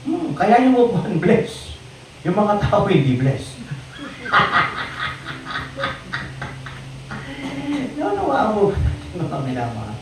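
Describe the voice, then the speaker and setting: A preacher giving a sermon in a church, calling out to the congregation for amens and swinging between loud bursts and quiet lines. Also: huge pitch swings, measured pace, background noise. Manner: call-and-response, asking the congregation for amens; swings from loud exclamations to low quiet phrases. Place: church hall. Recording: very echoey hall, voice from far off.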